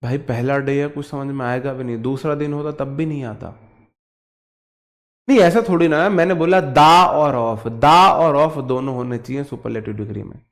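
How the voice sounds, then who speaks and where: A man with a Haryanvi accent teaching an online English grammar class, lively and teasing, acting out his students' questions. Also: medium pitch, moderate pace. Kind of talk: online exam-prep grammar lesson.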